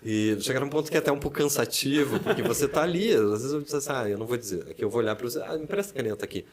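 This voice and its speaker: A man from Brazil with a Curitiba accent, a podcast guest chatting casually and telling lively stories, acting out what people say. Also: mid-range voice, very fast. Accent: Curitiba Brazilian Portuguese. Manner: animated storyteller, acts out quoted speech. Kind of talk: casual interview chat.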